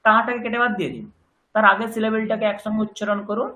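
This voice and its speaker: A man teaching a grammar lesson, patiently drilling words through slow repetition. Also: sits high, level tone, sharp tone, echoey room, low-quality recording. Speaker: language teacher.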